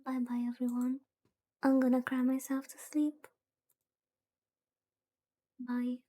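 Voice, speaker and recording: Hosting a livestream of a visual novel, a VTuber chats casually in a playfully dramatic, lamenting way. She has a high, mellow voice with a completely flat delivery and an unhurried pace. Background music plays throughout.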